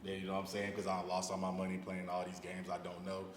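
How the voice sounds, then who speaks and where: Male podcast host, a bit low-voiced, energetic and full of slang; echoey room. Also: slight background noise. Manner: excitable, slangy, quick to laugh. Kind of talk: casual chat. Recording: echoey room with long reverb.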